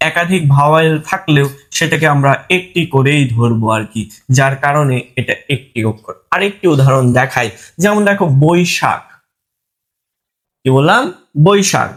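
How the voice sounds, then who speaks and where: A man's voice: on the high side, a bit bright. A man teaching a grammar lesson, asking his students questions and answering them himself. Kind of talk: online lesson.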